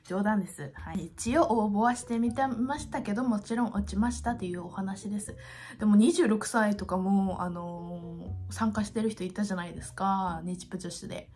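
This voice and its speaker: A woman in her twenties chats casually to camera in an expressive, gushing and self-deprecating way, as a YouTuber in a room at home. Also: medium pitch, moderate pace, faint music behind. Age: 20s. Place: small home room, indoors.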